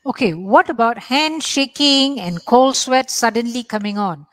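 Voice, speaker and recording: A woman's voice: fairly high pitch, a little slow, a bit bright, no room sound. A woman moderating a webinar, reading out audience questions plainly.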